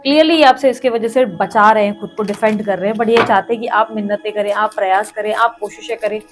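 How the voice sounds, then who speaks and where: A woman's voice: medium pitch, steady tone, fast, over music. A woman tarot reader who speaks straight to the viewer, repeats her points for emphasis and calls on the universe between cards. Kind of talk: tarot reading to camera.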